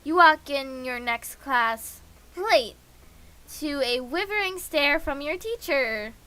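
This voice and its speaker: A woman takes her time reading a visual novel on stream, her high voice animated, bright, and forceful. Every character and the narration come from her, broken up by frequent little stumbles and restarts.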